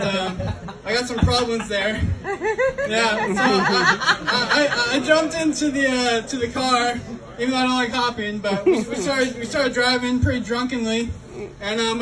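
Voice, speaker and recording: A man doing a stand-up comedy set with a halting delivery, full of ums and uhs. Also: very high-pitched. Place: comedy club stage before a laughing crowd. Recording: distant room recording with loud crowd laughter.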